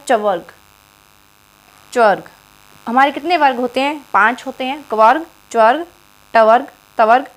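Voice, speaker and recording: A woman teacher giving an exam-prep grammar lesson, quizzing the viewer and repeating each syllable aloud. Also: on the high side.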